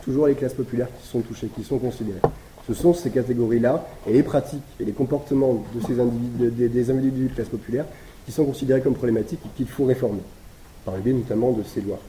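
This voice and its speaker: A man's voice: mid-range voice, fairly even intonation, quick pace, mellow. A man giving an academic lecture, talking with many hesitations, fillers and restarts. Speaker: academic speaker. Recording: echoey room with noise.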